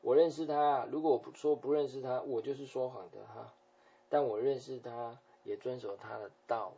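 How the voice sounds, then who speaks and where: A male pastor delivers a sermon in a gravelly, husky voice, explaining scripture patiently with frequent softening tag particles. The recording sounds dull and lo-fi. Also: mid-range voice, fairly even intonation, normal speed.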